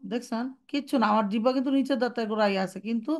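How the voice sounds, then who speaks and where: A woman's voice: on the high side, very fast. A young adult woman teaching Quran recitation in an online lesson, explaining step by step, asking and answering her own questions, and mixing English terms into her speech.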